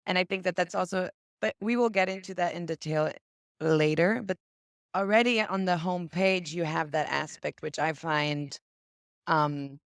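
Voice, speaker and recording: A woman with a lowish, gravelly yet clear and resonant voice talks at a moderate pace, recorded dry with clean studio quality. She's a guest on a video call, chattily showing off a casting site. As she explains, she plays out an example search like a little scene.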